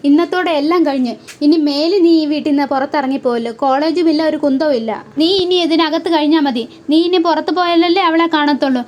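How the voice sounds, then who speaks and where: A woman's voice: high-pitched, slight background noise, lightly acted. A woman voicing a furious middle-aged mother who scolds her daughter bitterly. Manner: shouting and bitter.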